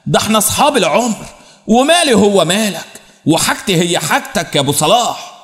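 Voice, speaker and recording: A hearty middle-aged Egyptian friend, played by a man telling the story, speaks with a warm, pleading manner. The voice sits high and carries a long echo. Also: expressive, fast. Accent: Egyptian Arabic.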